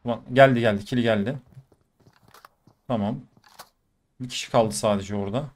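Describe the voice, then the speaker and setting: A man's voice: medium pitch, normal speed. Chatty man commentating a shooter game. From Turkey. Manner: chatty, addresses viewers, bursts of excitement. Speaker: gaming YouTuber. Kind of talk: live commentary over mobile shooter gameplay.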